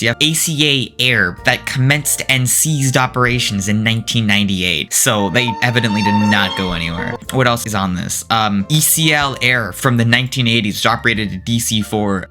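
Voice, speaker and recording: A man rants off the cuff for his video channel, wandering through tangents and filler words. His voice is bright and sharp and leaps up and down in pitch as he talks. Soft music plays low behind him. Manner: rambling, full of "like" and asides; pitch swings up and down a lot. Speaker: video creator. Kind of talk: one-take casual rant. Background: faint background music.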